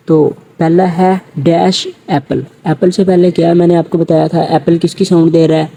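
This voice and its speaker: Husky, dark-toned male English teacher. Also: a little high, low-quality recording. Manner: asks students questions, then answers them himself. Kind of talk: recorded grammar lecture.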